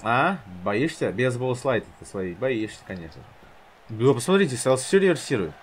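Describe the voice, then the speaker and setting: Male gamer, medium pitch, casual wrestling commentator style, play-by-play, goading and teasing the fighters. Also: sing-song, normal speed, slight background noise. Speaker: gamer commentating own gameplay.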